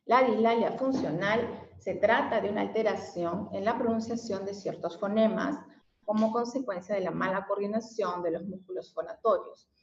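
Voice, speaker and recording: A woman's voice: mid-range voice, moderate pace. A woman giving an explanatory lesson as a special education teacher, often adding fillers and tag questions. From Mexico. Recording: echoey room, dull lo-fi sound.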